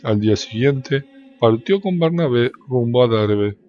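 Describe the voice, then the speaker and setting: A man giving a measured, solemn scripture reading that lifts into a sung lilt at the ends of phrases. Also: medium pitch, animated, faint music behind. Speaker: Bible reader. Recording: dull, lo-fi with faint background noise.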